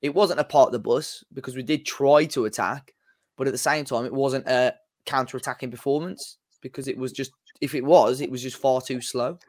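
A man with a mid-pitched voice on a casual football podcast. He talks in a measured, hesitant way and weighs his points. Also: fairly even intonation. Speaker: podcast guest.

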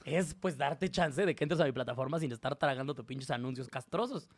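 A man's voice: medium pitch, brisk. A Mexican man hosting a live stream, teasing, swearing and laughing in casual banter. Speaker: host.

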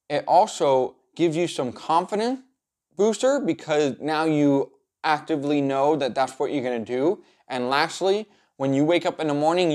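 Presenting a self-improvement video series, a male coach speaks to viewers in an upbeat, encouraging vlog style. His medium-pitched, slightly mellow voice lays out tidy instructional points, repeating some for emphasis.

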